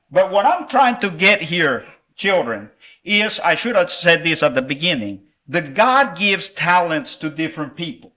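A middle-aged man from El Salvador, his voice a little high with a sharp tone, preaches at a revival meeting and gives a children's lesson. He's friendly and conversational, using filler words.

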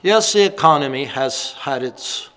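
A man's voice: medium pitch, animated, a little slow, sharp tone, clean tone. A man in his fifties, a minister giving a reflective sermon and reminiscing about the past. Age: 50s.

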